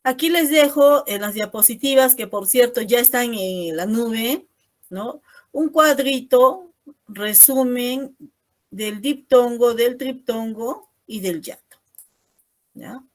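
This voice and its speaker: Over a video call, a woman teaches an online class, explaining patiently and ending most phrases with a questioning "no?". Her voice is a little high and her pace slow.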